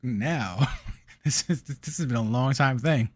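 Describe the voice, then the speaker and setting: A man's voice: mid-range voice, no room sound, studio quality. A man co-hosting a gaming podcast, chatting casually and searching for words as he reviews a game. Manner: slow, halting, searching for words.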